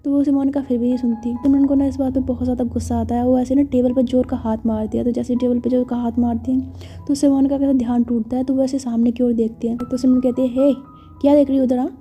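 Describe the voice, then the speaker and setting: A woman's voice: fairly high pitch, little pitch movement, quick pace, mellow, soft background music. A woman storyteller retelling a love story in a chatty, casual way, explaining each gesture.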